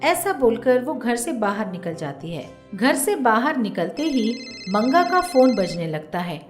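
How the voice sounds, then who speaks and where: A woman narrates a cartoon story with a high, bouncing voice that swings all over. Her delivery is lively and expressive. The room is echoey, with faint music underneath. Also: unhurried. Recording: roomy echo with faint music.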